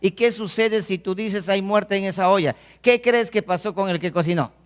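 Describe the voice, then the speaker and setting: A man with a high voice preaches a sermon, hammering home his point with repeated phrases and pointed questions to the congregation. His voice rings out with a long, trailing reverb, as in a large hall. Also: normal speed, smooth. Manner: emphatic preaching with rhetorical questions and repetition. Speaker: pastor.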